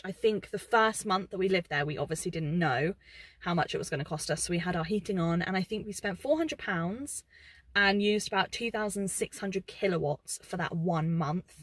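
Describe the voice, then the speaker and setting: Parked in her car with the camera close to her face, a young vlogger gives a casual, open life update. Her voice is medium-pitched and fairly bright, with no echo, and she chats away with plenty of "um" and "like" while her hands keep moving.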